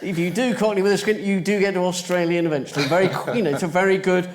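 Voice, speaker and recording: Man, panel guest, rambling storyteller, slightly raised pitch, frequent chuckles, acts out quotes. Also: fairly even intonation, quick pace, slight background noise. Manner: chuckling, acts out quoted voices, many hesitations. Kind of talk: anecdotal storytelling. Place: live panel event at a library.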